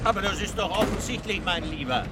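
A man acting in a German radio drama as Doctor Freud's type of figure, an urbane, self-assured Viennese psychoanalyst who lectures with condescending, deliberate phrasing. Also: high-pitched, expressive, noisy background. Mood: amused, assured.

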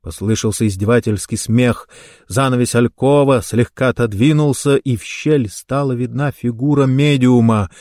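A man reading a story aloud in slow, measured narration. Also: mid-range voice, darkish tone, no room sound, clean studio sound. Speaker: audiobook narrator.

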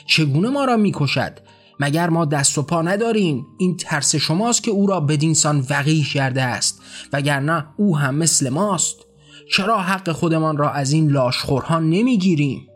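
A man voicing an angry young laborer who shouts furious questions in an audiobook drama. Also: a little high, animated, soft background music. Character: angry young male laborer, defiant rebel.

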